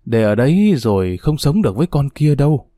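A man's voice: medium pitch, big pitch swings, a little fast, dark tone, no echo, studio quality, natural voice. A man voicing a frail, sick old grandmother who scolds and grieves between coughs. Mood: grieving.

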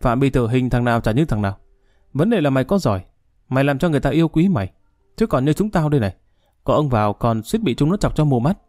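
A man's voice: medium pitch, expressive, quick pace, darkish tone, no echo, studio quality, lightly acted. A man voicing a blunt male prison guard who scolds and mocks a prisoner in coarse words. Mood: scolding.

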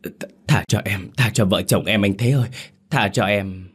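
A man's voice: fairly low pitch, normal speed, husky. A man voicing a desperate young husband who stammers and pleads in a spoken horror story. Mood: pleading.

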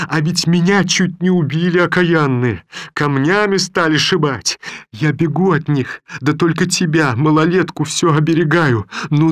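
A man's voice: medium pitch, fairly bright tone, no room sound, studio quality, voice pushed up, lightly acted. A man reading the part of a grumbling, half-deaf old village woman who laments and scolds indignantly.

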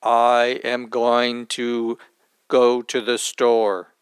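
A man, an English teacher, putting on a slowed-down voice warped by bad audio distortion to show what distortion sounds like. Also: monotone, smooth, dry recording, clean studio sound. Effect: distorted, slowed-down low voice. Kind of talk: demonstrating a distorted recorded voice.

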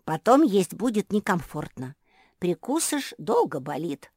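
A woman voicing a quirky, literal-minded little female dog with a chirpy, squeaky voice. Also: very animated, measured pace, darkish tone, breathy edge, no echo, studio quality, exaggerated voice. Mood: musing.

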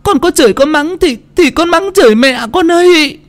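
A man voicing a frail elderly woman who pleads tearfully in a high, trembling voice. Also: moderate pace. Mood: tearful pleading. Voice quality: trembling, sobbing.

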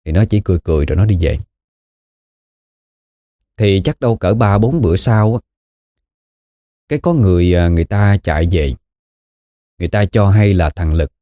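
A man with a Southern Vietnamese accent telling a spooky story in a relaxed, folksy way. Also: fairly low pitch, no echo, studio quality. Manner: relaxed folksy storytelling with lively rises and falls.

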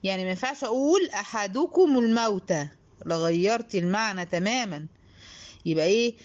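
A woman with an Egyptian accent teaching a tajweed lesson to a female student. She stretches the verses out slowly, then explains them briskly. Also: medium pitch, lively intonation, darkish tone, muffled recording. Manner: slow, drawn-out recitation between brisk explanations; addresses a female student directly, instructive. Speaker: Quran teacher.

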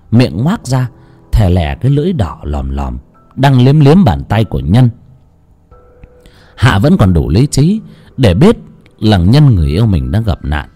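A man narrating a horror story in a dramatic, expressive reading. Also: medium pitch, husky. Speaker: audiobook narrator. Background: soft music.

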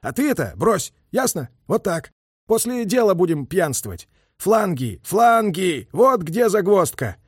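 A stern army major giving orders in a measured, steady way, as a male narrator puts him on. The voice sits high for a man, a little husky, and dry. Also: no echo, full character voice. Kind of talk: audiobook character voice.

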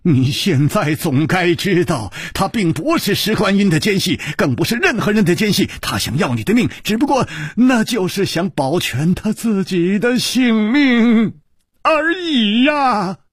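Frantic husband, very high shrill pitch, hoarse shouting, husky edge, storybook reading. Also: male voice, wildly swooping pitch, drawn-out words, pauses often, no echo, clean studio sound, exaggerated voice. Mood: shrill furious. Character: hoarse, furious desperate husband.

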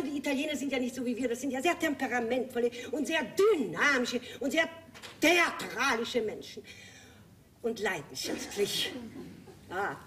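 An affected, worldly society lady who laughs through her confessions. Her voice sits high. It comes from a distance on a stage recording with faint noise. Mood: flustered. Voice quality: theatrical, affected, laughing asides. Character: aging flirtatious society lady, theatrical, worldly. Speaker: Lady Kitty. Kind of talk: 1980s stage play recording.

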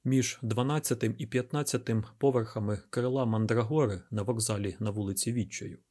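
A man narrates an audiobook in a steady, even manner. His voice is husky and sits at a middle pitch. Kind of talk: scripted narration.

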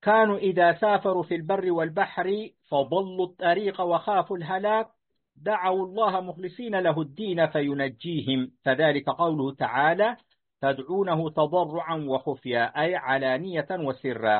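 Student reader: a man with a fairly high voice, reading steadily and answering politely, heard over a tinny phone-like line. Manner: deferential, answering corrections politely. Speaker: student reading a book aloud to his teacher. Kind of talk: reading a classical text aloud.

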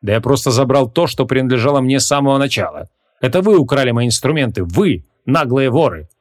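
A man voicing an arrogant, quick-tempered ancient archmage who talks gruffly and scornfully. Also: mid-range voice, expressive, natural voice. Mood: indignant.

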